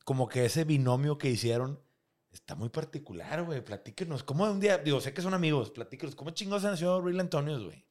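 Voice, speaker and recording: A man's voice: a little high, expressive, fast, darkish tone. A man with a northern Mexican accent hosting a casual podcast chat in slangy, profane talk. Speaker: podcast host.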